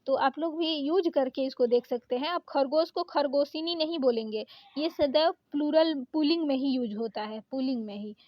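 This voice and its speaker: A woman's voice: sits high, no echo, highs cut off. A woman teaching an exam-prep grammar lesson, reading out lists of words one by one with frequent hesitations. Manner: reads out word lists with many pauses and "अ" fillers.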